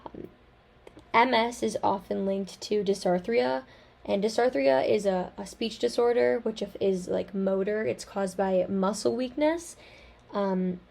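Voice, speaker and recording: Gravelly young woman presenting for class. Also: mid-range voice, measured pace, darkish tone. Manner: casual, with frequent ums and likes. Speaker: student presenter.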